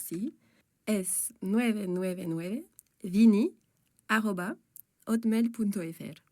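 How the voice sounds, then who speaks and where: Actress as young French waitress, textbook audio, mellow, unhurried. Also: female voice, medium pitch, no echo, studio quality, natural voice. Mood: plain. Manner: plain, clear answers spelling things out. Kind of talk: scripted textbook audio dialogue.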